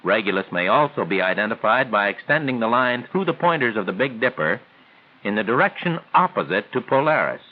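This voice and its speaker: Narrating a 1940s-style training film, this man speaks at mid-range pitch with lively intonation, delivering scripted instructions in a formal, didactic, measured way. The sound is narrow and tinny, typical of a thin, band-limited soundtrack from that decade.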